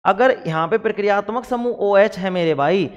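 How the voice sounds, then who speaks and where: A man's voice: high-pitched, normal speed, smooth, long reverb tail, highs cut off. A man teaching a science class. He keeps asking questions, answers them himself, and acts out imagined replies from his students. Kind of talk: classroom lecture.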